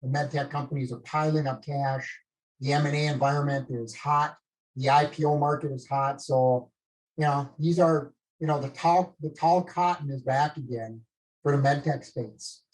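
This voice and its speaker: On a live video call, a featured guest in his late fifties from northern Minnesota talks about his career in a Minnesotan accent, rambling, self-deprecating and restarting often. His voice is a little high, with a steady tone and moderate pace. The audio quality is poor.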